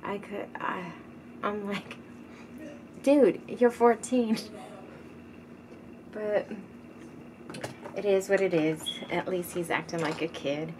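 Slow-talking woman chatting over makeup. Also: fairly low pitch, steady tone. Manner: chatty, rambling, often drops to a soft murmur. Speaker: beauty vlogger. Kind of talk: casual makeup tutorial chat. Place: home. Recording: noticeable background noise. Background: teenager gaming loudly in the background.

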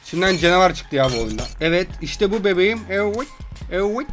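Turkish guy yelling and cursing over a game, high jumpy voice, bit of music underneath. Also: lively intonation, quick pace. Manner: loud, swearing, frequent outbursts and laughs. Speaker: gaming video host. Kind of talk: excitable gameplay commentary.

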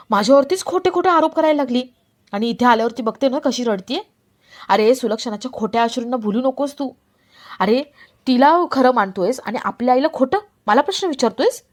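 A scheming middle-aged mother, indignant and guilt-tripping, put on by a woman reading a serial recap. The voice sits fairly high and stays plain rather than theatrical. It comes across as a storyteller's quick character turn. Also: lightly acted.

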